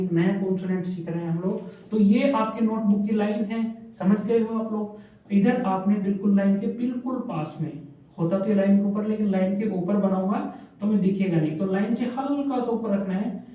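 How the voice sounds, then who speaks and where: A man's voice: sits high, fairly even intonation, moderate pace. A man teaching a shorthand class, repeating letters and quizzing his students as he draws strokes. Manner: repeats drills and asks the class questions. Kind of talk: classroom lesson at a board. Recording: echoey room, distant phone-like mic.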